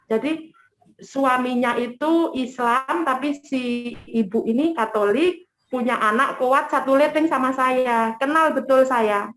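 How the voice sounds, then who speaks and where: A woman giving an emotional personal testimony to an interviewer, telling her story in a lively way and acting out what others said. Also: high-pitched, echoey room. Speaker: guest giving a conversion testimony.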